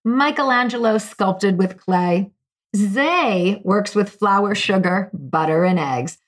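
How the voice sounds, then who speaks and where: On her business podcast, a woman introduces a guest from a script and then interviews them casually, speaking slowly in a mid-range voice. She is upbeat and enthusiastic, leaning heavily on fillers like "you know."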